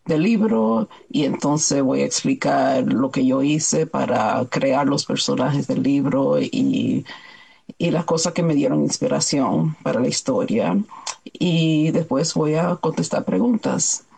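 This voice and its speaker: A woman's voice: sits low, slow pace, gravelly, mellow, slightly rough. A woman from New York, a children's book author, talking in a radio interview and stopping now and then to search for words.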